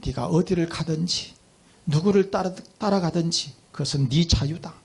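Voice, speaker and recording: A man voicing a kindly old gentleman who speaks in a gentle, fatherly way while telling a story in a sermon. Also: a little high, moderate pace, vocal fry, slightly rough.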